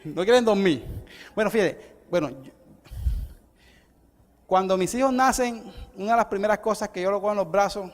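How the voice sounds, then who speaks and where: A middle-aged male pastor, preaching an evangelistic sermon. He swings from loud, rising declarations to soft, conversational asides. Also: high voice, moderate pace, long pauses. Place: church hall. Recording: long church hall reverb.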